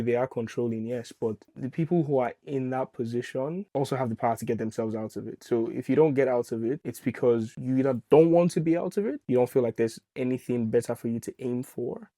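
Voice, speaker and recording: A man's voice: medium pitch, mellow, no echo. A man hosting a reaction video, giving his opinions in casual commentary with many fillers and restarts.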